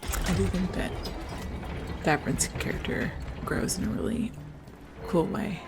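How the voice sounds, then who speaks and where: A young woman gives casual let's-play commentary on a video game. She talks slowly with a creaky fry, giggling and reacting emotionally to the story. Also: lowish voice, music in the background. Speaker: gaming streamer.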